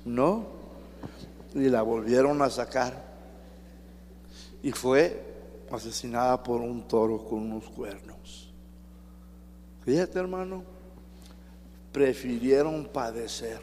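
A man's voice: medium pitch, slow, pauses often, darkish tone. A man with a Mexican accent preaching a sermon, emphatic and speaking straight to his congregation. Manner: emphatic, addresses the congregation directly. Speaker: pastor. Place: church hall. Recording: reverberant hall with faint hum.

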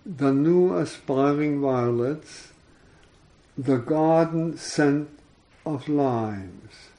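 A man reads a literary story aloud at a very slow, measured pace. His voice is mellow and dark, and his delivery stays solemn and even throughout. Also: fairly high pitch, low-quality recording. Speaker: podcast reader. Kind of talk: reading literary fiction aloud.

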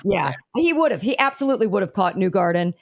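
Upbeat American female co-host, mid pitch, dry close mic. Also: sing-song, fast talker, no echo. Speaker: radio show co-host. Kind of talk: casual studio chat.

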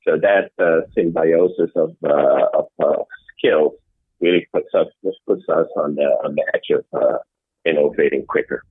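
A middle-aged man from the Netherlands answering interview questions in a measured way, often restarting his sentences. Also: very deep voice, steady tone, slightly rough, dry recording. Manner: measured, with frequent restarts and fillers. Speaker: interview guest, innovation executive. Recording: dry, tinny phone-like call audio.

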